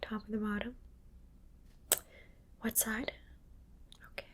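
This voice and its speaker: A woman whispering softly into a close microphone, coaxing and praising the listener through an ASMR guessing game. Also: mid-range voice, flat delivery, slow. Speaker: ASMR creator. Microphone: close sensitive microphone.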